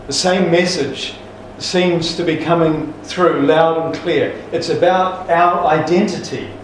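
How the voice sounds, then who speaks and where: A male preacher delivers a sermon slowly in a voice on the high side, mixing in jokes with a folksy, emphatic manner and occasional restarts. The recording is distant and echoey, from a church hall, with slight background noise.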